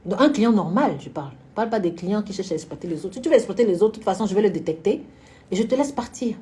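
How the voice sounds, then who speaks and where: With a warm, mid-range voice, this woman talks quickly and animatedly on her casual live stream. A florist and event decorator, she's candid about the business side, greets viewers by name as she answers them, and laughs a lot.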